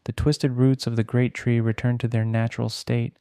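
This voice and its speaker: Mellow, smooth male bedtime storyteller. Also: mid-range voice, little pitch movement, normal speed, no echo. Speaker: storyteller, narrator. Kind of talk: slow bedtime story narration.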